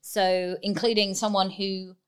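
A woman co-hosting a podcast, chatting casually with quick reactions. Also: medium pitch, level tone, clean tone. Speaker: podcast co-host. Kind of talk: casual chat.

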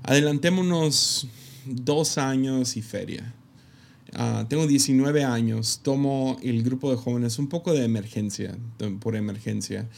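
A man who is a pastor, telling a personal story to camera in a reflective, halting way with many fillers. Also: medium pitch, vocal fry. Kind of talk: casual personal testimony to camera.

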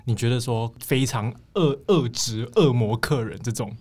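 A man's voice: medium pitch, moderate pace, a little mellow. A man hosting a casual podcast chat who asks the others questions and chimes in with short agreeing replies.

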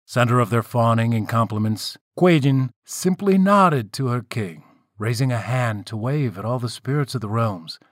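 A man's voice: mid-range voice, lively intonation, normal speed, dry recording. Guy narrating a myth story, playful and wry, voice goes up and down a lot, dry sound. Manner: playful and wry, with asides to listeners. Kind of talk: casual storytelling narration of myths.

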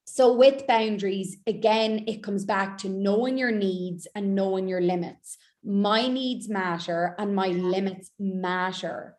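A woman's voice: mid-range voice, steady tone, measured pace, few pauses, darkish tone. Emphatic woman coach talking candidly. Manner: emphatic, repeats points in short punchy sentences. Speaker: mindset coach guest. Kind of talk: conversational podcast interview.

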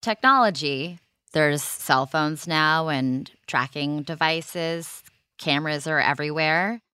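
A woman's voice: low-pitched, slow, bright, forceful tone, clear, resonant tone, dry recording, clean studio sound. A woman co-hosting a true crime podcast in a conversational style. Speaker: podcast co-host.

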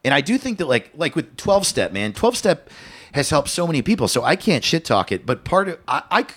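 A man co-hosting a podcast in casual chat, swearing often and thinking out loud with restarts. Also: a little high, brisk, slightly rough. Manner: animated, swears a lot, thinks aloud with restarts. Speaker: podcast co-host.

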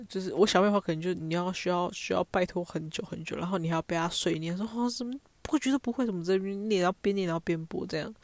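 A woman's voice: mid-range voice, a little mellow, no echo. A young woman with a Taiwanese Mandarin accent, telling stories in a chatty, self-mocking way as a podcast host. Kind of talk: casual storytelling monologue.

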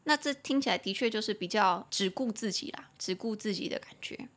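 A woman with a Taiwanese Mandarin accent hosting an English-learning podcast, reading English lines slowly and then explaining them in casual Mandarin. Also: mid-range voice, a bit bright. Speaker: podcast host teaching English.

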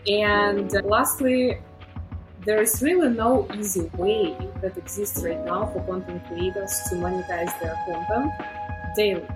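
A woman with a Belarusian accent giving explanatory answers as an interview guest, phrasing things in a measured, deliberate way. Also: medium pitch, music in the background, poor audio. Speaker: interview guest, startup founder.

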